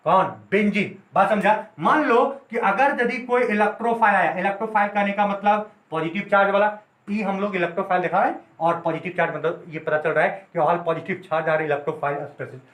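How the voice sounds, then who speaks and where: A high-voiced man teaches chemistry at a whiteboard and keeps asking whether his students follow. He explains with playful everyday stories and slows right down to dictate notes. The sound is roomy and echoey. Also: fairly even intonation, a bit bright. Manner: repeatedly checks students follow.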